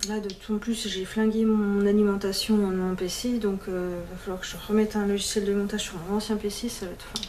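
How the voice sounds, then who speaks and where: A woman's voice: medium pitch, level tone, a little fast, hardly any pauses, darkish tone. Chatty woman vlogging at home. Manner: chatty, many fillers and restarts, mixes in English words. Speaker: beauty vlogger. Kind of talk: casual chat to camera.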